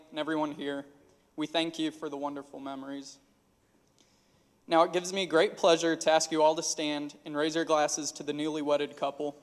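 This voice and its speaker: A man's voice: a little high, clean tone, big-room sound. A man in his twenties giving a formal, prepared wedding toast speech as best man. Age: 20s. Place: wedding reception hall.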